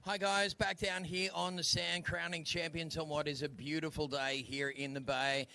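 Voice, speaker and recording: A man interviewing at an outdoor sports event with a bright, forceful voice and a gravelly edge. He is upbeat and hypes up the crowd like an announcer. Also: a little high, level tone, moderate pace. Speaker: beach interviewer and presenter. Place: outdoors on a beach.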